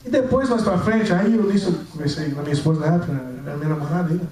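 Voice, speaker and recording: A young man preaching a sermon, telling a personal testimony with lively storytelling and acted-out dialogue, recorded in a church. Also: sits high, very fast. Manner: animated storytelling, acting out dialogue. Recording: echoey church hall, mic at a distance.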